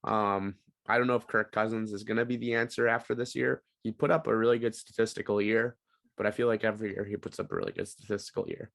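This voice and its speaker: A man's voice: on the low side, fairly even intonation, fast, gravelly, a bit bright. A young man co-hosting a podcast, chatting casually about sports with frequent ums and easy laughs. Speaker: podcast co-host.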